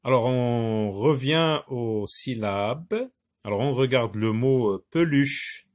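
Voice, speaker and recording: A man explaining a reading lesson, halting with many fillers and restarts, sounding out syllables aloud. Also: medium pitch, lively intonation. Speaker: teacher. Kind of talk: recorded lesson for teachers.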